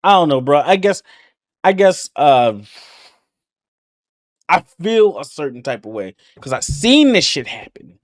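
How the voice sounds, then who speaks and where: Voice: mid-range voice, sing-song, a little slow, pauses often, dry recording, clean studio sound. A reaction video host ranting angrily with heavy profanity while commenting on a clip. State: livid.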